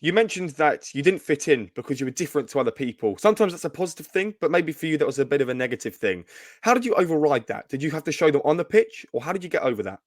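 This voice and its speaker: A man hosting an interview talks quickly and asks long, winding questions. His voice sits at a middle pitch. The sound is dry and close. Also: big pitch swings, no room sound. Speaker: interviewer host.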